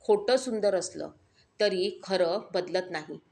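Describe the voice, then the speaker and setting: Storybook horror: resolute young man, soft-spoken and calm, narrator puts him on. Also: mid-range voice, slow pace, vocal fry. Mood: quiet resolve. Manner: soft, steady and determined.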